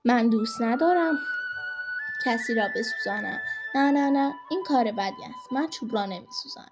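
A woman voicing a talking fire in a storybook tale, caring and gently refusing. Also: a little high, huge pitch swings, loud music behind the voice.

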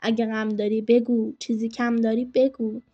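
A woman voicing a talking fire in a storybook tale, caring and gently refusing. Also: on the high side, flat delivery, muffled recording, lightly acted.

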